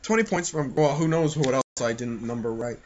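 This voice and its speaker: With a crowd audible in the background, a podcast host speaks at medium pitch and a brisk pace. Giggly, foul-mouthed and self-deprecating, he reads his childhood fan fiction aloud with casual banter on a muffled, noisy home recording.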